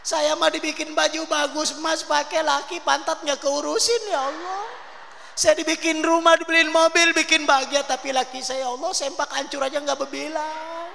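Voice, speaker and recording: A man voicing a devoted middle-aged wife who weeps and frets over her tired husband, in a high plaintive wail. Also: little pitch movement, normal speed, creaky, bright, forceful tone, full character voice. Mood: tearful pleading. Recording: reverberant hall, faint noise.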